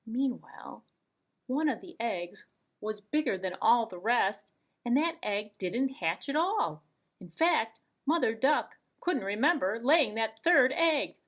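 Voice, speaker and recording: With a slightly high voice, a woman narrates a children's storybook puppet show, expressive and deliberate, sprinkling in playful sound words.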